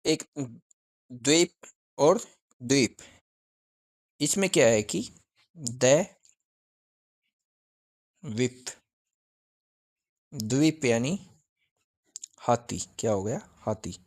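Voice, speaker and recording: A man's voice: medium pitch, lively intonation, very slow, long pauses. A male teacher giving an exam-prep grammar lesson, repeating each point and asking questions that he answers himself. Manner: repetitive, drilling with question-and-answer.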